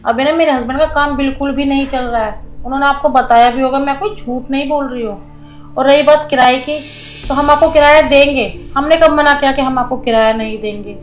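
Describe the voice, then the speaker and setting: A woman's voice: sits high, fairly even intonation, fairly quick, roomy sound, soft background music, close to an everyday voice. An actress playing a young tenant who pleads and argues with her landlord over late rent. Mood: pleading. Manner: pleading, defensive, explanatory. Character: struggling young female tenant, pleading but firm. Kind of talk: low-budget comedy film acting.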